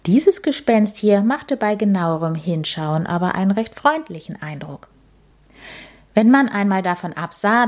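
Woman reading a storybook, softly expressive. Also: fairly low pitch. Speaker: narrator.

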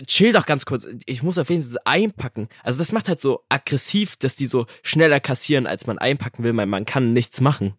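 Animated young man in casual chat. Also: mid-range voice, brisk, few pauses, no echo, studio quality. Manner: animated and chatty, swears, keeps asking "you know what I mean". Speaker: podcast co-host.

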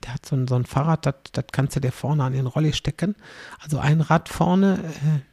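Woman, comedian, chatty rambling monologue, gravelly voice, mellow tone. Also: deep voice, a little fast, dry recording. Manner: chatty, rambling, tag questions "ne?". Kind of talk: casual storytelling monologue.

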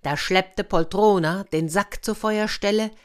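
A woman narrating a fairy tale for children, lively and speaking straight to her young listeners. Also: medium pitch, measured pace, smooth. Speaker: children's storyteller.

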